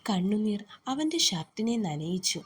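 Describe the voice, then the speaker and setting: A woman reads a romantic story aloud in a soft, gentle way. Her voice is breathy and sits at an ordinary middle pitch. She voices the lovers' lines herself as she goes. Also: very animated, measured pace. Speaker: narrator. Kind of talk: storytelling narration with dialogue.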